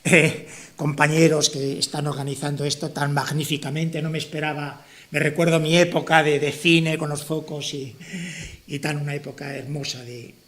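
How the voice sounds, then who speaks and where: Male author from La Mancha, fairly high voice, loose rambling delivery full of restarts and tag questions. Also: little pitch movement, normal speed, fairly bright tone. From La Mancha, Spain. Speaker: author presenting his novel. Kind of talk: informal speech at a book presentation.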